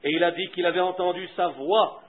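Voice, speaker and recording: A man preaching a sermon, telling a story and leading prayer in a fervent way that swings from hushed to loud. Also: high-pitched, fairly even intonation, fairly quick. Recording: tinny, phone-like old recording.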